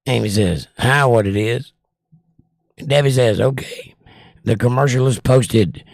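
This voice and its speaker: A creaky, mid-range voice worn from years of trouble belongs to an older man casually reading and answering viewer comments on his livestream. He talks a little slowly, and the studio-quality recording has no room sound.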